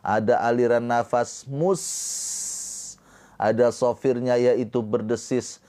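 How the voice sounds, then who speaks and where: A man teaching Quran recitation rules in a slow, patient lesson, chanting verse phrases and then explaining them. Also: medium pitch, steady tone, dark tone, clean tone. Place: live-streamed lesson.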